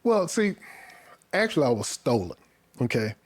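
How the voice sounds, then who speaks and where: A man's voice: mid-range voice, big pitch swings, normal speed, no room sound. An American man from Dallas hosting a casual chat, effusive and often repeating his words. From Dallas, Texas, US. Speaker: podcast host and interviewer.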